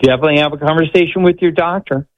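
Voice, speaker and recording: A man speaking as a medical expert guest on a radio show, explaining conversationally in a halting, measured way. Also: a little high. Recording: slightly dull, band-limited audio.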